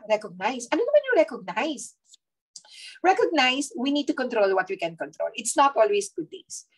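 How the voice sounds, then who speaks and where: A woman with a Filipino accent giving a lively, chatty health talk, mixing in teasing asides and frequent tag questions. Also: on the high side, rough recording. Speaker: health speaker.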